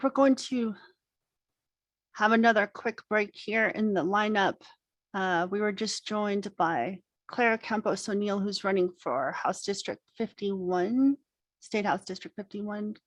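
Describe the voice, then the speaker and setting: A woman moderating a virtual meeting in a brisk, friendly, informal way. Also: medium pitch, no room sound.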